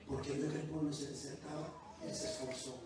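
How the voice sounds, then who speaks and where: A man who is a pastor, preaching a sermon that moves from quiet testimony to loud, fervent preaching. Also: a little high, little pitch movement, brisk, background noise. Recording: distant, very echoey church hall.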